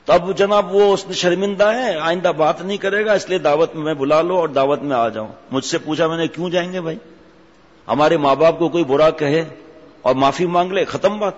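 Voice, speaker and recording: Man preaching a sermon, emphatic and scolding, rhetorical, fairly high voice, long hall reverb. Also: muffled recording.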